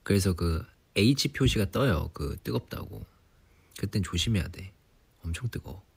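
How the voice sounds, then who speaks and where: A young man in his twenties, relaxed and chatty on a sleepy late-night livestream, teasing himself for nagging like an elder. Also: low-pitched, measured pace, vocal fry, slightly rough. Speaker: idol livestream host. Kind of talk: casual livestream chat. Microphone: phone or device mic, voice-only live.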